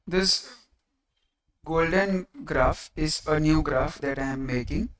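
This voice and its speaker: A teacher giving a step-by-step maths lecture in a deliberate way, pausing between short phrases. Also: medium pitch. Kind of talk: lecture explaining coordinate geometry step by step. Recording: distant microphone.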